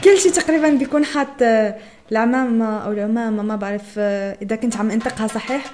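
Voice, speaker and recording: Young woman, reaction host, high-ish voice, chatty and amazed, faint background music. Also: rapid-fire, darkish tone. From Morocco. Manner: chatty, often laughing, exclaims in wonder. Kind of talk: casual reaction commentary.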